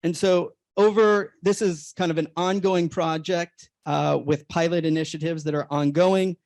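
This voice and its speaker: A man on a conference panel, reading a prepared research presentation in a formal, steady way with occasional restarts. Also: a little high, moderate pace, dry recording.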